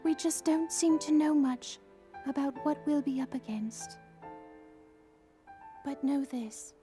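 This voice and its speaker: A man voicing a gentle, caring young fish-woman princess, speaking softly and earnestly. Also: very high voice, takes it slowly, faint music behind, pitched above the performer's own voice. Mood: tender. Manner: soft, tender, earnest.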